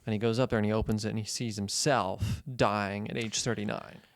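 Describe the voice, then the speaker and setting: A man's voice: lowish voice, steady tone, fairly quick, gravelly. A man co-hosting a casual film podcast, talking in an easygoing, agreeable way and laughing often. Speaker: podcast co-host.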